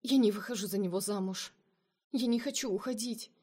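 A woman's voice: mid-range voice, brisk, dark tone, slightly rough, lightly acted. A woman voicing a desperate young woman who pleads emotionally with her lover. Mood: pleading. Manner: pleading, emotional, breaking into cries.

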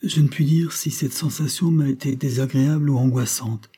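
A man narrating literary fiction in a measured, expressive first-person audiobook reading. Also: mid-range voice, slightly rough.

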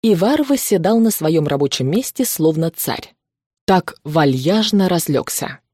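A woman narrating a novel in the first person, expressive and lively. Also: fairly low pitch, unhurried, breathy edge, no room sound, clean studio sound.

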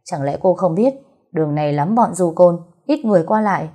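A woman's voice: fairly low pitch, expressive, brisk, warm tone. Woman voicing a cold hot-tempered man. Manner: curt and cold, barking when angry.

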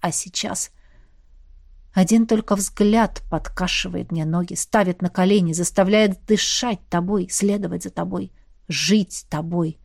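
A brooding warrior man from an audiobook romance murmurs his devotion in a low, hushed voice, as a woman narrator puts him on. The sound is dry and close, with no room around it. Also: a little slow, vocal fry, dry recording. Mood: tender. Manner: soft, hushed, intimate. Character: brooding male warrior lover, low and tender.

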